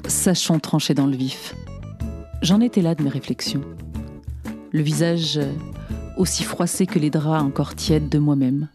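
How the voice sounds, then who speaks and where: A woman reading a first-person literary text aloud in a wry, ironic, deliberate manner. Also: low-pitched. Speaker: audiobook narrator. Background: faint music.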